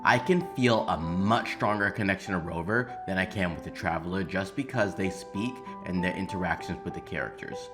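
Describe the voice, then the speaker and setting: With music in the background, a man presents opinionated video essay commentary about games, his low voice moving at a moderate pace with hardly any pauses. He's a video game commentary creator, emphatic and informal, who sometimes swears.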